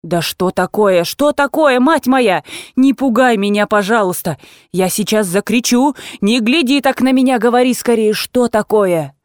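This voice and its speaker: A woman's voice: a little high, lively intonation, moderate pace, a little mellow, no echo, studio quality, close to an everyday voice. A woman reading aloud and voicing an agitated, fussy old aunt who scolds and exclaims in a raised voice. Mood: alarmed.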